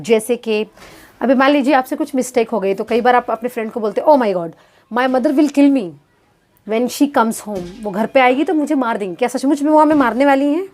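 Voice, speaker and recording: A woman teaching English grammar who explains step by step, asks and answers her own questions, and reads the English examples slowly and deliberately. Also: sits high, a little mellow. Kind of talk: grammar lesson.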